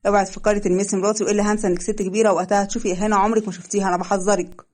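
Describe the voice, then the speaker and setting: A woman's voice: medium pitch, level tone, rapid-fire, a little mellow, natural voice. A woman doing a stern Egyptian husband in a wheelchair. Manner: stern, commanding. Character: domineering young husband in a wheelchair, protective.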